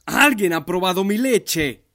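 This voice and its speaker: A man voicing a huge, angry papa bear who shouts in a booming voice. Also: animated, unhurried. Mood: outraged.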